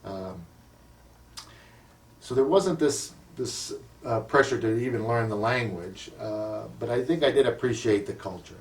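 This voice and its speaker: In an interview, an older American man who serves as a community association president recalls his life story. His medium-pitched voice moves at a measured pace and sounds slightly distant, thoughtful, and full of ums and self-corrections.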